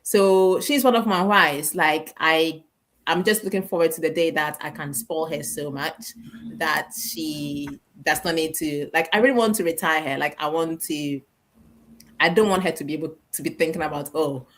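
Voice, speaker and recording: A woman from Ghana hosts a casual live stream over a video call. Her voice sits low, and she rambles warmly, with feeling. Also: moderate pace. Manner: warm, emotional, rambling with laughs.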